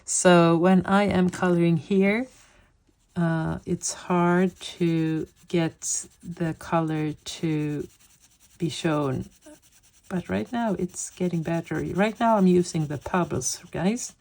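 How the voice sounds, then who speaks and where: While coloring, a Swedish-speaking woman in her late fifties chats casually in English and searches for words now and then. Her lowish voice is creaky and darkish, with fairly even intonation and a slow pace.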